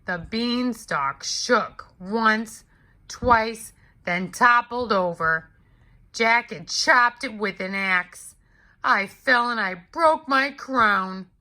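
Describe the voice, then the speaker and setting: A woman performs a big, hungry male giant in an expressive children's storybook read-aloud, using a high-ish, sharp, heavily acted voice. Rueful and dramatic, the giant recounts his side of the story with indignant exclamations and a deliberate storyteller's pace.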